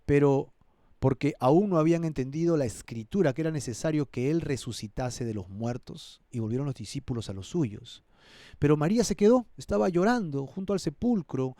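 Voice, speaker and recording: Earnest preacher acting out scripture. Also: male voice, fairly high pitch, dark tone, dry recording, studio quality. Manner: dramatizes the scripture, acting out characters' voices; earnest, pleading appeals to listeners. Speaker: pastor. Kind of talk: expository sermon.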